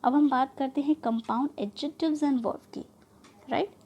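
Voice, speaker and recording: A woman teaching English word stress, explaining rules and saying each example word twice, slowly and deliberately. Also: high-pitched, mellow, muffled recording. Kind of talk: explanatory lesson, repeating example words.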